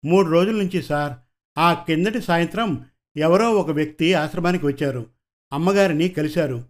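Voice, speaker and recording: A man's voice: on the high side, natural voice. A man voicing a tearful, pleading ashram helper. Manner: pleading, humble. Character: tearful middle-aged male ashram helper, devoted.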